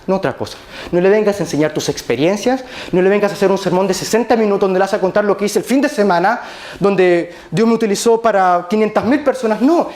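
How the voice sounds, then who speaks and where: A man's voice: sits high, darkish tone. A man preaching a sermon, speaking straight to the congregation and hammering his points home by repeating them. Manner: emphatic, repeats key phrases; addresses the congregation directly.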